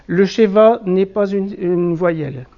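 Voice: mid-range voice, slow pace, dark tone. A teacher leading a classroom lesson on biblical Hebrew, explaining patiently step by step with frequent hesitations. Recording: dull lo-fi classroom recording.

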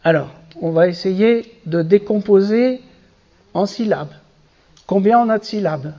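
A man's voice: high voice, a little slow, dark tone, dull audio. A man teaching a Hebrew reading lesson to a class, patiently spelling out letters and syllables one by one.

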